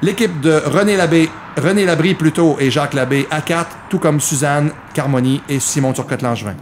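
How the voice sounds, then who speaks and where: A man's voice: fairly high pitch, fairly quick, noisy background. A man with a Quebec French accent giving live golf commentary on a mini-golf match, explaining the play to viewers.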